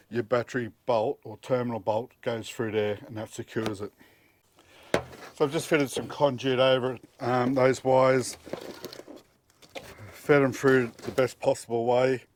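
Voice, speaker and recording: A middle-aged DIY presenter gives a casual, step-by-step tutorial outdoors at a car's engine bay and inside the cab. His mid-range voice is a little mellow, with slight hiss or hum in the audio.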